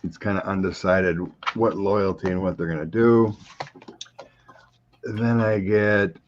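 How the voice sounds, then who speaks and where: A man co-hosting a casual live chat, talking politics and reading tarot cards in a relaxed, halting way. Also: sits low, noisy background. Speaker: psychic co-host reading tarot. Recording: dull lo-fi audio.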